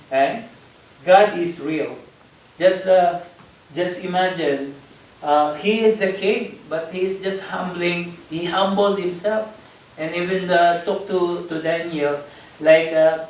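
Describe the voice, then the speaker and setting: Slow-talking preacher in an echoey room. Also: male voice, high voice. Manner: slow, halting, with many fillers and repeated words. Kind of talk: Bible study sermon. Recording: echoey room, picked up from a distance.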